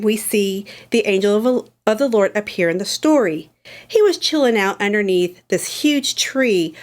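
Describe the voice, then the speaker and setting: A woman teaching a Bible study lesson, retelling a story in a casual, conversational way and acting out the characters' lines. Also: mid-range voice. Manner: lively, conversational retelling with acted-out quotes.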